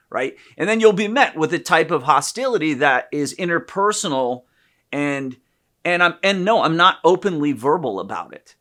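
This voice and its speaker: A man co-hosting a candid conversation about relationships, talking in an animated, profane way with loud bursts of emphasis. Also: fairly high pitch. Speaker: podcast co-host, therapist.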